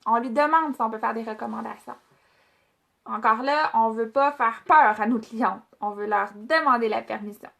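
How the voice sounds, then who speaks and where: A woman's voice: a little high, normal speed, creaky, fairly bright tone. Chatty Québécois woman giving a training. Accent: Québécois French. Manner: chatty, many fillers and restarts, addresses trainees directly. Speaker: product trainer. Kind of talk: casual training presentation.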